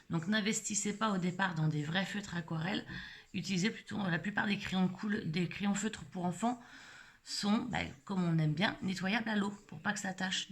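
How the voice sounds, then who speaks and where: Middle-aged woman vlogger, lowish gravelly voice, chatty and hesitant while showing a craft project. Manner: rambling, many hesitations and fillers. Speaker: scrapbooking vlogger. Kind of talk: casual live craft demonstration.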